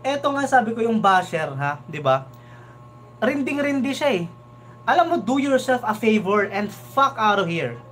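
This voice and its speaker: A man with a fairly high voice gives animated live reaction commentary. He keeps asking "di ba?" as he goes, and a faint hum runs under his voice. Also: normal speed. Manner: animated, chatty, often asks "di ba?". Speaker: reaction video host.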